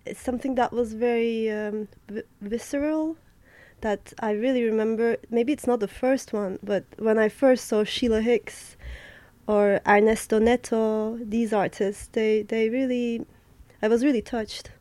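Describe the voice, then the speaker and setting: A young Turkish woman, an artist, answers interview questions thoughtfully but haltingly, with lots of fillers and restarts. Her voice sits on the higher side and stays steady and mellow, with no echo.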